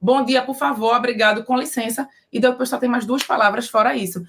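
Brazilian woman host, fairly high voice, chatty teacher who spells out sounds slowly. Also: steady tone. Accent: Brazilian Portuguese. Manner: explanatory, slows down to model pronunciation. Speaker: language teacher. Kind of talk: casual video lesson.

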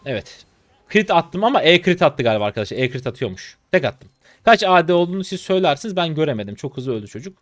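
Lively young Turkish streamer, dry close mic. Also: male voice, a little high, quick pace, no room sound. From Turkey. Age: 20s. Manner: excitable, chatty, talks to chat, bursts of laughter and teasing. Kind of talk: live gameplay commentary.

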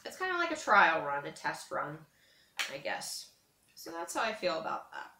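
A woman's voice: deep voice, very animated, normal speed, noisy background. A young woman chatting casually and rambling as she thinks aloud, recorded on a camera a little way off in a small room indoors. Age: young adult. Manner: conversational, thinking aloud, repetitive. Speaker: vlogger. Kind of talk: casual rambling chat while cutting soap. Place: small carpeted room with bare walls, indoors. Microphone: camera a metre or two away. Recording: echoey room, camera mic at a distance.

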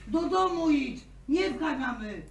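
Woman, slow, repeated urging, far away, echoey. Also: high voice, animated, creaky.

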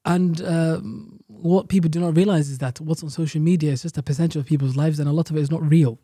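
Fast, husky-voiced man teaching scripture. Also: fairly high pitch, steady tone, dark tone, no room sound, clean studio sound. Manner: earnest, emphatic, repeats key phrases. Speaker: Islamic teacher, podcast guest. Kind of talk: explaining Quran verses in conversation.

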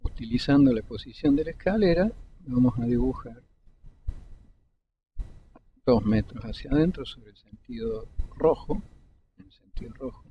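Over a screen recording, a 3D modeling instructor calmly walks through each step of a tutorial, pausing between clicks. He's captured on a dull, lo-fi desktop mic with a faint rumble.

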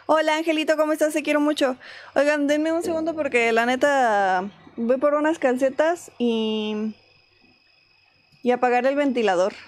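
High-voiced Mexican woman streamer. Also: moderate pace, no echo. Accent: Mexican Spanish. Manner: chatty, greets viewers by name. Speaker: game streamer. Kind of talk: casual live-stream chat. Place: at home.

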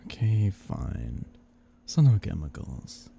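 A man's voice: very deep voice, very animated, extremely slow, gravelly, dark tone, breathy edge, heavily acted. A man playing a sly, coaxing male devil who schemes with playful menace in an ASMR audio role-play. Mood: scheming.

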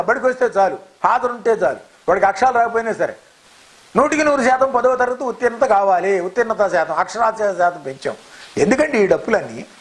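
A man's voice: high voice, a bit bright, low-quality recording. A man giving an impassioned lecture on society, firing off rhetorical questions in long scolding lists and mocking others in quoted voices. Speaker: scholar giving a commentary on society.

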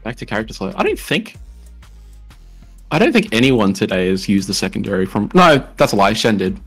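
A man doing live esports commentary on a fighting game, analytical and quick to exclaim at big plays. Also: lowish voice, sing-song, slightly rough, faint music behind.

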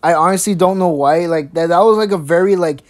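Fairly quick and a little mellow, this woman hosts a sarcastic reaction commentary that mocks its subject crudely. Swearing flows freely, she stumbles over restarts, and she mimics people in squeaky voices.

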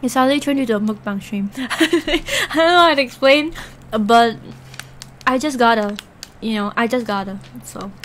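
There's a little background noise as this young Twitch streamer, eating, chats casually with her viewers in a slightly high, expressive voice at moderate speed. She giggles, rambles, and keeps saying "like."

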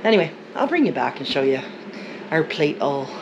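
A military wife hosts a casual home vlog from her kitchen, chatting to the camera and laughing often. Her voice is low with big pitch swings at a normal speed. The noisy home recording sounds muffled.

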